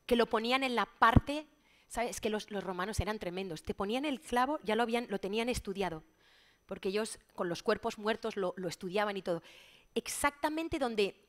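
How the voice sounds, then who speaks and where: A middle-aged woman from Spain preaching a sermon in a church, passionate, moving between loud exclamations and hushed, near-whispered lines. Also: a little high.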